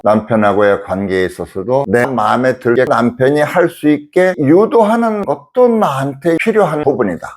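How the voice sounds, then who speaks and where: Lively middle-aged psychiatrist telling patient stories. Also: male voice, medium pitch. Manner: lively storytelling that acts out patient quotes. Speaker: psychiatrist running his own clinic. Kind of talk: talk to camera about patient cases.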